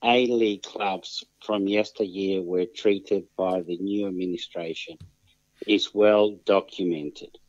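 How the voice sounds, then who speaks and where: A muffled, dry phone recording of an Australian man with a lowish voice. He speaks very slowly, in a formal and measured discussion style, choosing his words haltingly. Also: fairly even intonation, darkish tone, no echo. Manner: formal, deliberate, halting phrasing. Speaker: phone-in guest on a football show.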